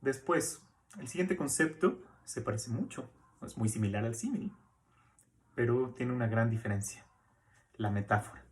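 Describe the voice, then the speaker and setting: A man giving a recorded course lecture in a relaxed, conversational way, often checking in with tag questions and fillers as he explains. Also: mid-range voice, normal speed, long pauses. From Mexico. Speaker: university lecturer.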